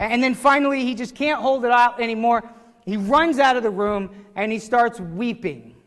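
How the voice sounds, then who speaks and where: A man preaching a sermon as pastor, conversational and animated, with restarts and casual asides. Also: high voice, in a large hall. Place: church sanctuary.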